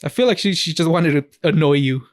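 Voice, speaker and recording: A podcast co-host talks casually into a close mic in a slightly high voice, speaking a little fast with no room sound. He's playful and rambling, and he talks over the others in the conversation.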